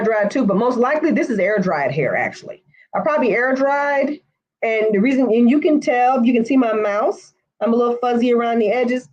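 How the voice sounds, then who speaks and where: A woman's voice: fairly high pitch, a little mellow, lo-fi sound. A woman hair stylist teaching a live online course, chatting with viewers by name and answering their comments. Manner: chatty, addresses viewers by name, says y'all.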